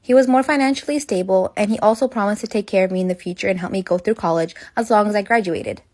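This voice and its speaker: Young woman, mid-pitched voice, brisk read-aloud storytime narration. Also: a little mellow.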